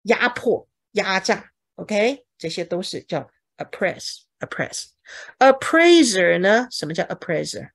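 A woman's voice: mid-range voice, animated, takes it slowly, fairly bright tone, breathy edge. A woman teaching a bible English lesson in Mandarin, explaining each word and checking with her students. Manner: acts out examples dramatically.

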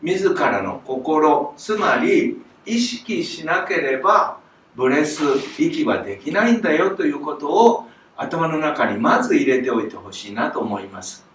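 A man's voice: a little high, sing-song, measured pace, a bit bright, far from the mic. An older Japanese man, a music teacher, giving a lesson to camera and acting out sounds with strong breath. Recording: roomy echo, voice from off the mic, faint noise.

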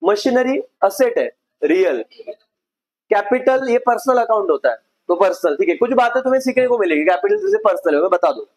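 A man's voice: high-pitched, animated, fairly quick, darkish tone, rough recording. A male accounts teacher giving a classroom lecture, explaining step by step and checking in with his students. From India.

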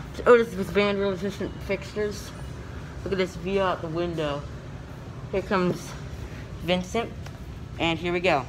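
A man's voice: high voice, a bit bright. A man filming and narrating a walk through an indoor shopping mall on his phone, talking to viewers with frequent ums. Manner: hesitant, many ums, talks to viewers. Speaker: vlogger filming elevators. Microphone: handheld phone camera. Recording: noisy mall ambience.

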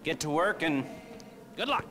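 An actor playing an older male hacker fixer in a video game, halting and easily exasperated. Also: a little high, very animated, sharp tone. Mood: hesitant, businesslike. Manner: halting, hesitant, easily irritated. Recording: noisy game ambience behind voice.

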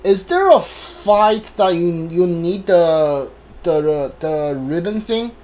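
A game streamer gives casual live commentary on his playthrough, rambling and hesitating as he thinks out loud. His voice sits high and sing-song, slow and a bit mellow, with faint game ambience in the background.

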